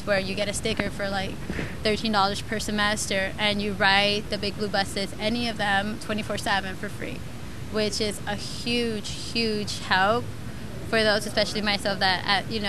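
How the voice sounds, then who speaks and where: A woman in her twenties answers interview questions in a flat, level tone, pausing often and reaching for fillers. Street traffic runs clearly behind her outdoors. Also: mid-range voice. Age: 20s. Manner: halting, with many fillers. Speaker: community college student.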